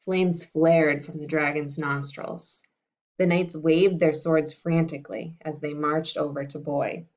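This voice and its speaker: A woman teacher talking to fifth graders and reading a picture book aloud in a friendly, unhurried way. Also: sits low, fairly even intonation, a little mellow. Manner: friendly and unhurried, with some fillers. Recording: dull lo-fi recording.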